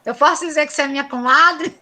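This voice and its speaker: Middle-aged female teacher, high voice, lilting recitation, chatty asides, over a video call. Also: quick pace, bright, forceful tone. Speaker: cordel workshop teacher. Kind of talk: reciting cordel verse and explaining meter.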